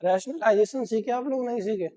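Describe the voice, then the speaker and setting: A man teaching math to a class, his voice mellow and dark in tone. He keeps asking the room "what?" and answering himself, stressing each key word. The sound rings with a long reverb from the classroom around him. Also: high-pitched, brisk. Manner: repeats key words as questions to the class. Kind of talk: classroom lecture.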